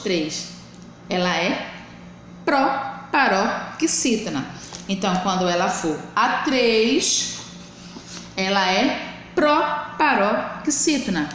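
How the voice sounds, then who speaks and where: Counting syllables slowly and with drawn-out sounds, a patient female primary school teacher with a higher voice records a remote lesson for kids. Her room is echoey, with a faint hiss in the background.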